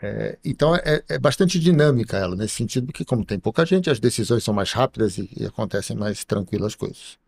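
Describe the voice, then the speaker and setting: A middle-aged man with a somewhat low voice speaks as a professor guest on a podcast. He explains at an unhurried pace, pausing often and checking in with small tag questions. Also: expressive, vocal fry, darkish tone. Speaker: computer science professor guest. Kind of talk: podcast interview.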